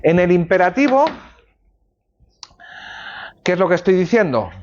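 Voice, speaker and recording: A man's voice: high-pitched, sing-song, unhurried, a little mellow. A male law lecturer giving a university class, explaining ideas with everyday examples and checking in with students. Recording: dull lo-fi classroom recording.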